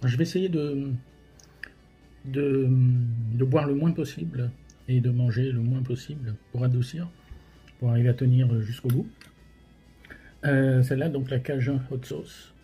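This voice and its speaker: Casual male taster, mellow dark voice, hesitant phrasing, mouth burning from spicy food, light music behind. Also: medium pitch, steady tone, measured pace, pauses often, husky. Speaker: host of a hot sauce tasting challenge. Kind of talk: casual commentary while tasting.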